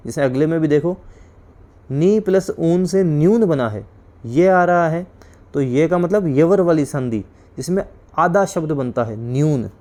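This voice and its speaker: A male teacher from India giving an exam-prep class, explaining each point, repeating it and quizzing his students with questions. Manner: drops to a low, quiet voice on each corrected word.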